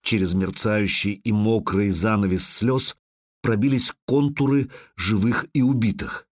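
A man's voice: lowish voice, measured pace, no echo, studio quality. Man narrating a dramatic fantasy audiobook.

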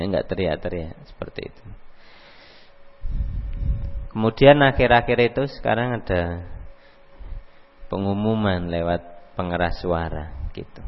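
Slow, low-voiced Javanese teacher in a hall. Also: male voice. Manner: explains slowly, mixing in Javanese and Arabic readings. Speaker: Islamic teacher. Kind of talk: religious study lecture. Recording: echoey hall, dull lo-fi audio.

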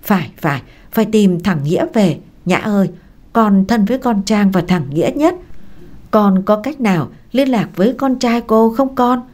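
A woman voicing a quarrelsome older village mother who shouts and curses. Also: medium pitch, lively intonation, normal speed, natural voice. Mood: tearful. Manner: shrieking, cursing.

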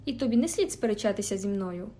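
A woman's voice: mid-range voice, lively intonation, fast talker, mellow, lightly acted. A woman voicing a sickly, spoiled teenage boy in an audiobook, whiny, petulant and taunting. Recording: faint background music.

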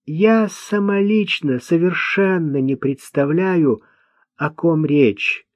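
A man's voice: fairly high pitch, slow pace, a little mellow, no echo, pitched above the performer's own voice. A man voicing a simple-minded, vengeful young man in an audiobook, talking bluntly and childishly. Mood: resentful. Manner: childish, blunt, hate-filled. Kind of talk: audiobook character voice. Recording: dull dry lo-fi recording.

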